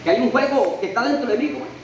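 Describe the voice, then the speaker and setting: A man's voice: extremely high pitch, animated, rapid-fire, a crowd in the background. A man preaching a sermon, emphatic and full of rhetorical questions and a repeated refrain. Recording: very echoey church hall, faint noise.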